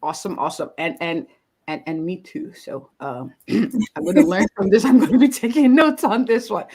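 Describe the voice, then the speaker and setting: A woman's voice: mid-range voice, sing-song, moderate pace, a crowd in the background. A woman physician hosting a live-streamed interview, upbeat and effusive, often repeating words of praise. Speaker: host, family physician.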